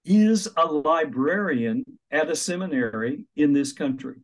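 A man's voice: a little high, unhurried. An older man, an author and minister, telling stories in an interview and acting out the voices he quotes. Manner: animated, acts out quoted voices. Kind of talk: interview storytelling.

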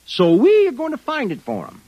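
An actor playing a brusque, wisecracking private detective boss with a husky voice, in old-time radio style. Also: male voice, very high-pitched, wildly swooping pitch, brisk, dull audio, exaggerated voice. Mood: exasperated, bossy. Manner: bossy, hard-boiled, sardonic.

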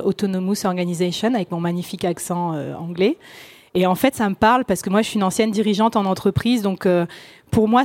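A woman's voice: medium pitch, a little mellow, dry recording. A woman podcaster talking on a round-table panel in a loose, chatty way, full of fillers and restarts. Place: conference stage.

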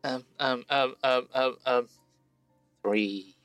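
A man's voice: mid-range voice, fairly even intonation, slow, fairly bright tone, clear, resonant tone, no room sound, soft background music. A man narrating a tabletop role-playing game as game master.

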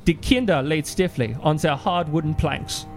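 Playing a solemn, gloomy German cultural ambassador, a man with a German accent delivers a dramatic comic reading full of pedantic, deadpan explanations. His natural voice sits on the high side at a moderate pace, and the mood is ominous. Music plays behind him.

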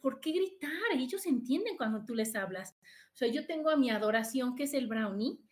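A middle-aged Mexican woman hosts a podcast, offering chatty, casual advice to her live listeners and often tagging "¿no?" after her points. Her voice sits on the high side, expressive and a little fast.

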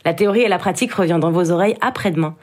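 Husky-voiced woman reading podcast credits. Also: fairly low pitch, very fast. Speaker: podcast announcer. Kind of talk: scripted credits narration.

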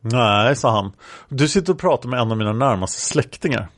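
A man reading aloud the lines of a young woman witness from an interview transcript, in a flat reading voice with the speaker labels spoken. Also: medium pitch, no room sound, close to an everyday voice. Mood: recounting. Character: young woman witness recounting a café encounter.

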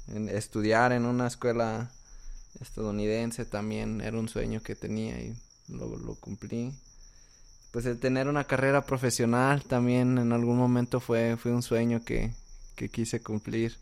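A man's voice: medium pitch, level tone, measured pace, creaky, a little mellow. A man with a Mexican accent in casual conversation, hesitating and repeating words as he thinks.

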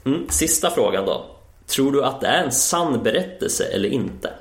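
A man of middle pitch hosts a radio show. He asks questions in an easy, friendly way, and his voice sounds roomy and echoey. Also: lively intonation. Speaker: radio host. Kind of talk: quiz and interview.

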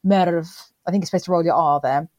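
A woman's voice: low-pitched, rapid-fire, darkish tone, no room sound. A woman co-hosting a podcast in casual, chatty talk, self-deprecating and full of restarts. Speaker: podcast co-host. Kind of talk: casual chat.

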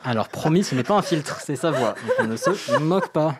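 A man's voice: a little high, huge pitch swings, brisk, crowd noise. A man hosting a podcast in a casual, playful chat style, with a joking, teasing manner. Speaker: podcast host.

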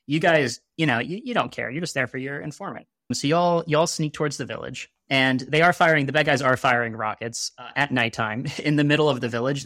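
A man's voice: medium pitch, fairly bright tone, dry recording, studio quality. A man chatting casually on a podcast about a video game, rambling with lots of "you know" and "like" and throwing in sarcastic asides.

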